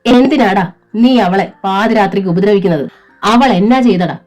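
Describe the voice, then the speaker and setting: A woman's voice: normal speed, a little mellow, natural voice. A woman voicing a stern, domineering older mother-in-law who scolds and lectures. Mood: scolding. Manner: scolding, shrill.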